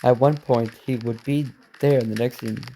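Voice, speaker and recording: Male reaction host; reads a story aloud haltingly, self-corrects, drops quick asides; mellow tone. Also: mid-range voice, fairly even intonation, slight background noise.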